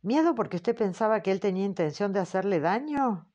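A woman reading the part of a formal man questioning a witness, slow and patient. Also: mid-range voice, expressive, a little mellow, dull audio, lightly acted. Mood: probing. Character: measured male examiner, formal and patient. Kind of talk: audiobook character reading.

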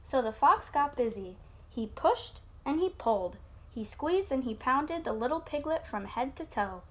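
Lively woman reading a storybook aloud. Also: high voice, measured pace. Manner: expressive, storyteller's lilt. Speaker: teacher. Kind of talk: reading a picture book aloud to a child. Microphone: computer mic on an online class.

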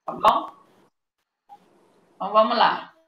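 A Brazilian Portuguese-accented woman works as a primary school teacher, giving a live online class to young children where she dictates patiently and checks in often. She speaks slowly in a highish, creaky voice. Her audio comes over a video call, echoey and muffled.

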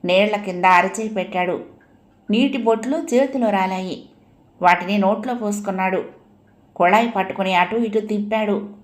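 A woman reading a story aloud in a gentle, unhurried storytelling manner. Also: medium pitch. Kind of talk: audiobook story narration.

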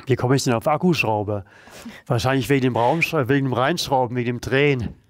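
A man leading a guided exercise routine, calm and encouraging, talking while he does the moves himself. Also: mid-range voice, quick pace, no echo. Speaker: therapy coach leading exercises.

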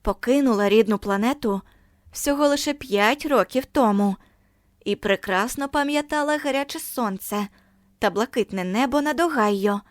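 High-voiced woman narrating an audiobook. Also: dry recording, studio quality. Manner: measured, expressive storytelling.

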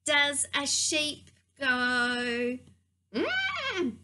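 A woman leads a preschool puppet-show lesson in a playful, sing-song manner. Her voice sits high and swoops widely, and she speaks slowly and gently for small children. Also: very animated, husky. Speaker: preschool teacher.

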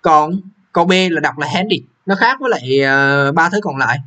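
Young guy from vietnam explaining exam answers, high voice, keeps asking if u got it. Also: expressive, normal speed, bright, forceful tone. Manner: repeats question numbers, asks students if they follow. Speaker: English teacher. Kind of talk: exam walkthrough lesson.

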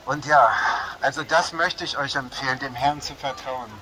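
This man, a Berliner with a light Berlin German accent, preaches passionately on a shopping street while rain falls past the small roof above him. His voice sits in the mid-range at a moderate pace, frequently punctuated by "ja" and "Halleluja." A small loudspeaker setup relays him, with noisy street ambience all around.

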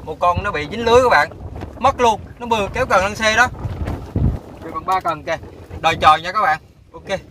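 A young man records his fishing vlog outdoors by a lake, turning to his viewers again and again. His voice sits fairly high. Wind and water noise come through clearly on the camera mic. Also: fairly quick, pauses often. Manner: excited, addresses viewers often. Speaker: fishing vlogger. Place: outdoors on a lakeshore.

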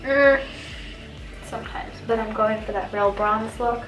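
A woman's voice: on the high side, fairly even intonation, measured pace, muffled recording, music in the background. A young woman chatting casually and playfully while doing her makeup on camera. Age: young adult. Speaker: beauty vlogger. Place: small room indoors, seated at a table. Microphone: camera a few feet away. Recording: roomy, distant mic, background noise, clinking.

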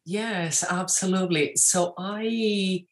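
A woman's voice: mid-range voice, slow pace. A woman in her forties from Venezuela with a Venezuelan Spanish accent, talking animatedly as a guest on a video call, gesturing and dropping frequent fillers and tag questions. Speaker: guest entrepreneur. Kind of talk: casual interview talk. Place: wood-panelled office, indoors. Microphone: webcam on a video call.

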